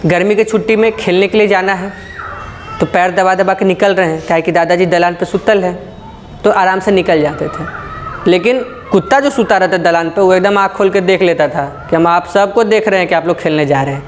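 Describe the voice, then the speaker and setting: A man's voice: sits high, fairly quick, a little hiss or hum. A man giving a physics lecture, posing questions and answering them himself with folksy examples and frequent checks for understanding. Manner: folksy, uses everyday examples. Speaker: physics teacher. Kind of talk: classroom lecture.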